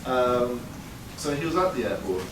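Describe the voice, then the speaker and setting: With lively intonation and a medium pitch, a man in his thirties from England recounts a personal story at normal speed to an audience. He keeps it conversational and wry, using many fillers. The live venue sound is roomy, and a distant mic catches background noise.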